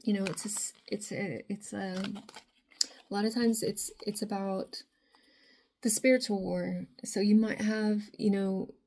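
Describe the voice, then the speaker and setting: This tarot reader has a raspy yet mellow voice and keeps to a measured pace as she walks her viewers through a reading. She drifts between ideas, leaning heavily on filler, with a pitch that barely shifts from its even, narrow range.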